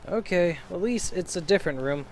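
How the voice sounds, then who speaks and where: A man's voice: high voice, animated, a little fast, a little hiss or hum. A man streaming a video game and giving casual commentary, joking and heckling the game as he plays.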